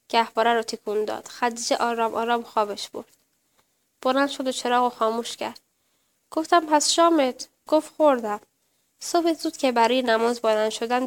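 Brief: female storyteller, slightly high voice, reads a personal memoir with quiet feeling. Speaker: narrator. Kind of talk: first-person story reading.

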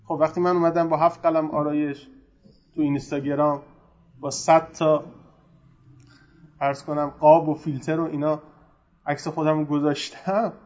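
Male religious lecturer, slightly high, casual but emphatic delivery, muffled recording. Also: level tone, pauses often. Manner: conversational, emphatic, swings loud and soft. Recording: dull lo-fi recording.

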